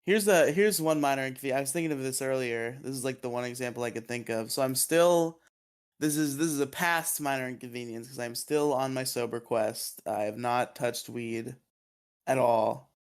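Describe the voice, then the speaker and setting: A man's voice: mid-range voice, normal speed, clean tone. A man co-hosting a podcast in casual chat, sleepy and yawning, rambling with lots of fillers. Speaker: podcast co-host.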